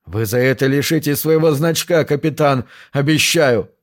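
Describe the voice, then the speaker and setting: A man's voice: fairly high pitch, normal speed, natural voice. A man reading an audiobook, voicing a panicked, indignant official in a thin, choked voice. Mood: shrill threatening. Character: panicked, indignant middle-aged male official.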